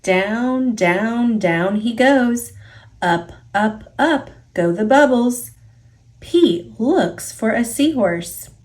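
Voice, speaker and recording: A woman reading a children's picture book aloud in an expressive, deliberate storytelling way for young listeners. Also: fairly high pitch. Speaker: storybook reader. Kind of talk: children's read-aloud narration.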